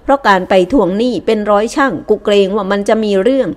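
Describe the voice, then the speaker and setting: A woman voices a bold young nobleman giving orders to his men. He speaks bluntly and loudly, and he is used to being obeyed. It is an audiobook reading. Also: mid-range voice, fast, lightly acted. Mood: commanding. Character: bold young Thai nobleman leading his gang, commanding.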